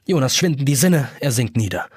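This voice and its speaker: A man's voice: medium pitch, expressive, fairly quick, a little mellow, slightly rough. A man reading an audiobook as narrator, telling the story expressively. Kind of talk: scripted narration.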